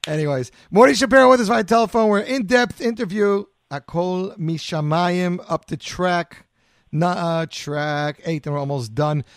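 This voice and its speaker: A man's voice: high-pitched, moderate pace, dry recording, studio quality. A man hosting an interview, chatting casually with enthusiastic asides. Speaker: radio interview host.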